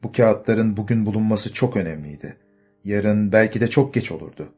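A grave, determined young man, as a male narrator voices him in an audiobook. He speaks urgently and gives orders in a low voice. Faint music sits underneath. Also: normal speed, darkish tone, husky, highs cut off.

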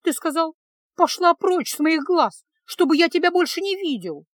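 Naive village girl voiced by a woman, high, indignant, quick-tempered, storybook. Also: lively intonation, dry recording, clean studio sound. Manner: pleading, indignant, raised voice.

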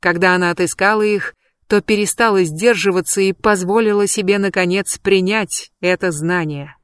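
A woman narrates a dark fantasy audiobook in a measured, dramatic reading. Her voice sits at an ordinary middle pitch. The recording is dry and close, with no room sound. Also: clear, resonant tone, dry recording. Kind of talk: scripted narration.

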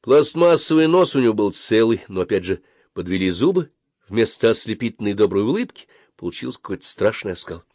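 Male audiobook narrator, low and animated, dry close recording. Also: brisk, no room sound. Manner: expressive storytelling.

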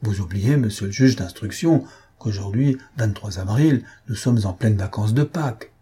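A man's voice: fairly low pitch, moderate pace, slightly rough. Man reading a polite, clever schoolboy. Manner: soft-spoken, infinitely polite. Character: polite, clever teenage schoolboy posing as reporter. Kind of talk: audiobook character reading.

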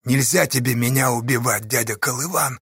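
A male narrator voicing a hoarse young man held captive, rasping in a half-whisper. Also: on the high side, moderate pace, a bit bright, dry recording, clean studio sound, voice pushed up, heavily acted. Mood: urgent.

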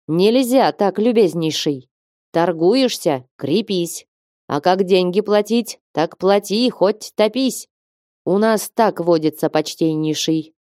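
A woman's voice: on the low side, mellow, no echo, clean studio sound. A woman reading aloud as a wealthy, domineering male merchant who coaxes but will not yield. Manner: coaxing yet unyielding, proverb-quoting.

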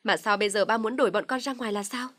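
A woman voicing a young husband who protests loudly and indignantly in an audio story. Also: on the high side, quick pace, dry recording, close to an everyday voice. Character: angry young husband standing his ground.

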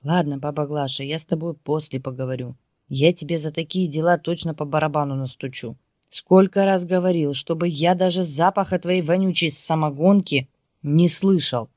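A woman reading as a gruff, furious husband. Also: sits low, normal speed, a little mellow, dry recording, studio quality. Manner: harsh, barking orders. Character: gruff angry young husband.

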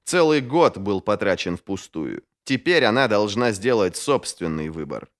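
A man narrating a fantasy audiobook in a dramatic, expressive way. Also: on the low side, measured pace. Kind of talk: scripted narration.

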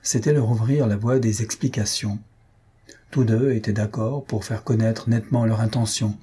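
A man narrating an audiobook in a measured, even storytelling manner. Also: on the low side, husky. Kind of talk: audiobook reading.

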